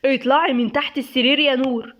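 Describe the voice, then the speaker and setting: A woman's voice: high voice, fairly even intonation, fast, lo-fi sound, natural voice. A woman with an Egyptian accent voicing a hot-tempered young husband who scolds bluntly and sarcastically. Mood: bossy.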